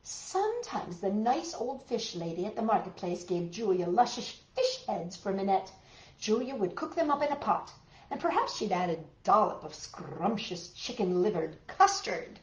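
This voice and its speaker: A woman's sing-song, medium-pitched voice carries a picture book reading for children at normal speed. She adds dramatic emphasis and chats to the listeners along the way, and the room sound is roomy and echoey.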